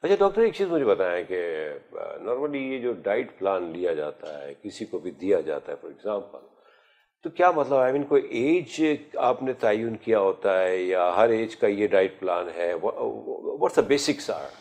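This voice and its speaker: A man's voice: fairly low pitch, very animated, unhurried, darkish tone. A man in his fifties hosting a studio health talk show, chatty and joking, slipping English phrases into his questions. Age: 50s.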